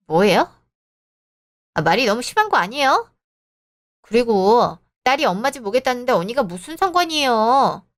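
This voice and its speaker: A woman voicing a spoiled young sister-in-law with a whiny, shrill manner, in an audio drama. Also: sing-song, moderate pace, pauses often. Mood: indignant.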